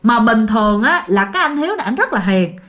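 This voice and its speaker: A woman's voice: a little high, very animated, quick pace, fairly bright tone. A woman with a Southern Vietnamese accent telling a ghost story in a chatty, casual way, often talking directly to her listeners. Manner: chatty, with fillers, addressing listeners.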